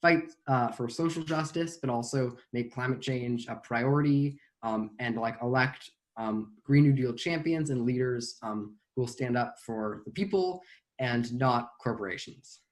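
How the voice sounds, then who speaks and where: A man's voice: medium pitch, measured pace. A fourteen-year-old boy, a youth climate activist, answering interview questions casually with many "um"s and "like"s. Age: teens. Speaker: guest activist.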